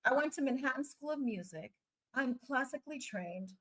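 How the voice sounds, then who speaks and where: A woman's voice: high-pitched, lively intonation, moderate pace, low-quality recording. A woman born in Trinidad and raised in Queens, New York, in a brash, emphatic live-stream rant that repeats points for stress. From born in Trinidad and Tobago, raised in Queens, New York. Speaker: reality TV personality on a live stream.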